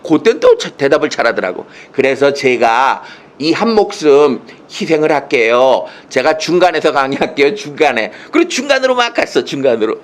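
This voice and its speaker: A man's voice: mid-range voice, sing-song, normal speed, hardly any pauses. A man giving a humorous lecture over a video call, telling stories in a playful, teasing way and acting out the quotes. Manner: playful, teasing storyteller who acts out quotes. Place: indoors, speaking to a monitor.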